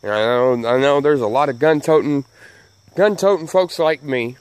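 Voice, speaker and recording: A man's voice: medium pitch, normal speed, smooth, dry recording. A man with a Southern US accent and missing front teeth, giving a folksy, emphatic opinion rant to camera, repeating his phrases. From Southern United States. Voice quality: missing front teeth, slightly slurred sibilants. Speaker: channel host.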